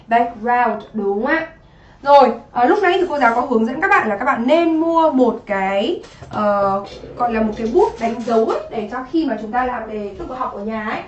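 A woman's voice: a little high, roomy sound, lo-fi sound, slight background noise. A woman teacher going through English exam answers step by step and often checking with the class whether they follow. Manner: explains step by step, often asks "right?". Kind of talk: exam review lesson.

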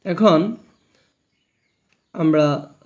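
A man's voice: fairly high pitch, drawn-out words, dull audio. A man teaching Quran reading, spelling out letters and vowel marks, then drawling each joined syllable for the listener to repeat. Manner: repeats words for the listener to echo. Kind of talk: recorded reading lesson.

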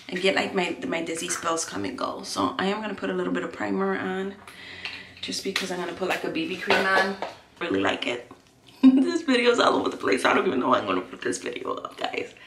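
A woman's voice: on the low side, animated, brisk, pauses often, background noise. A woman vlogger chatting candidly and rambling while she does her makeup at home. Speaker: beauty vlogger. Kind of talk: casual get-ready-with-me chat. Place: home, indoors. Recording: echoey room.

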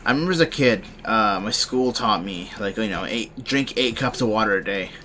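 A man's voice: fairly low pitch, expressive, moderate pace, bright, forceful tone, slight background noise. A young man rambling casually and a bit drowsily while commenting on his own gameplay. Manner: rambling, drowsy, thinking aloud. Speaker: game streamer.

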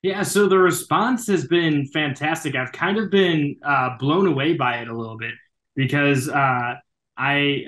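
A man's voice: mid-range voice, a bit bright. A young adult man, a baseball broadcaster, chatting as a podcast guest with lots of fillers and restarts. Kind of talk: casual interview chat.

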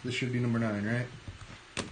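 A man co-hosting off camera, quietly checking numbers and prompting the host. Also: medium pitch, level tone, measured pace, a little hiss or hum, poor audio. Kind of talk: casual chat off camera.

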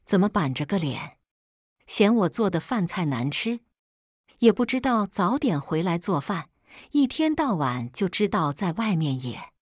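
A scornful, domineering older mother-in-law who rants with lively swings of pitch and a sarcastic bite, as a woman reading the story puts her on. The voice sits fairly low and sounds dry and close, with no room around it. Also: measured pace, no room sound. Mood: sneering. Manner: sarcastic, scolding.

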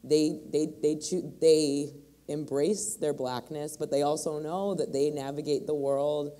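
On stage in a large hall, a Michigan woman in her forties speaks thoughtfully during a panel discussion, often restarting her sentences. Her voice sits low and dark, with fairly even intonation and a measured pace.

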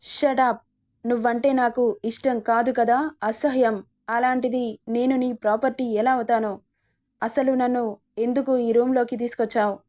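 A proud young heroine in a spoken romance story, sharp-tongued and scornful, voiced by a woman narrator. Her voice is slightly high with a mellow tone. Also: steady tone, a little slow, natural voice.

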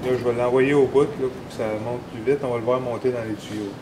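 A fast-talking snowmobile mechanic in his forties, with a Québécois French accent and a mid-range, steady voice, gives a hands-on repair tutorial in an indoor workshop garage. He explains each step casually, rambling and using fillers. The recording is very noisy.

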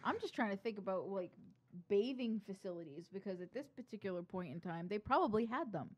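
A woman's voice: mid-range voice, expressive, fairly quick. Woman musing aloud in casual chat. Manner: thoughtful, hedging, thinks aloud. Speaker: podcast co-host. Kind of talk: casual banter among friends.

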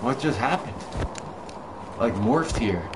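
A man's voice: medium pitch, expressive, slow, background noise. A man casually commenting while he plays a video game, exclaiming at scares, swearing and musing aloud about what he sees. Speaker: gameplay commentator. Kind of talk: casual let's play commentary. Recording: loud game music behind voice. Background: loud game music.

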